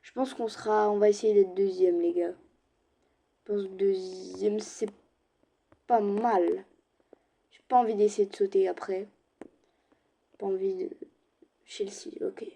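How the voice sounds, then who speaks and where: A young woman chatting casually to her viewers while playing an online game, with quiet murmured asides. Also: medium pitch, fairly even intonation, a little slow, creaky, long pauses, breathy edge. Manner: chatty, addresses viewers directly, slips into soft asides. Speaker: gaming streamer. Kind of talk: casual let's-play commentary.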